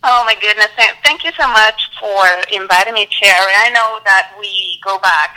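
A woman in her forties from Colombia, speaking English. Her voice is very bright and forceful, and she tells her story in a reflective, casual way. She is heard over a phone line. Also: medium pitch, moderate pace. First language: Spanish. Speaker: guest. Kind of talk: casual interview.

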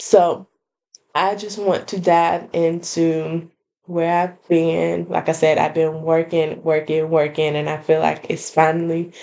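A woman hosting her own podcast, chatting casually and excitedly to her listeners with lots of fillers and laughter. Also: lowish voice. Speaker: podcast host. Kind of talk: casual solo podcast update.

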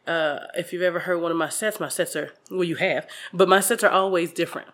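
A woman who does stand-up comedy, chatting casually on a podcast in a playful, animated way. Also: on the low side, brisk. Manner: animated, laughs often, playful.

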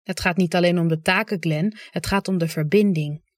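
An audiobook reader giving calm, understated first-person literary narration. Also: mid-range voice, normal speed, dry recording, clean studio sound.

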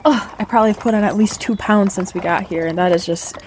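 A woman's voice: medium pitch, quick pace, a little mellow, slight background noise, lightly acted. A woman voicing a vain, sassy popular girl in a tabletop game, griping casually into a video diary. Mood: huffy, gossipy. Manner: whiny, huffy, valley-girl filler talk.

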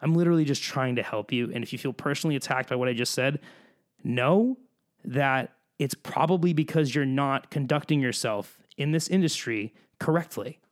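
Man, solo podcast host, musician, blunt, ranting, medium pitch. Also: normal speed. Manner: blunt, ranting, then reassuring.

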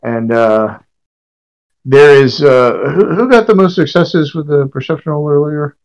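A man narrating a tabletop game as game master, improvising haltingly as he searches for words. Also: a little high, darkish tone, highs cut off.

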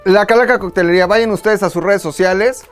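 A man's voice: high voice, fairly even intonation, brisk, soft background music. A man with a Mexican accent hosting a joking podcast, playful and slangy with theatrical turns. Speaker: podcast host.

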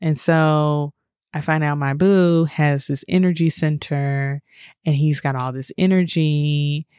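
A woman's voice: sits low, slow, clear, resonant tone, no room sound, clean studio sound. A woman co-hosting a podcast in casual chat, telling stories with lots of "like" and acted-out quotes. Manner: animated storytelling, acts out quoted dialogue, frequent "like".

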